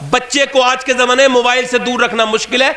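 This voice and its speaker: A man with an Indian Urdu accent preaching a sermon at a religious gathering, moving from calm storytelling to high shouted climaxes.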